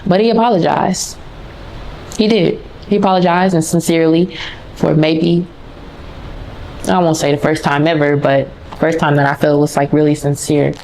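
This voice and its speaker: A woman's voice: deep voice, fairly even intonation, normal speed, a little mellow, a little hiss or hum. A woman podcast host telling a personal story in a candid, casual, conversational way, talking straight to her listeners.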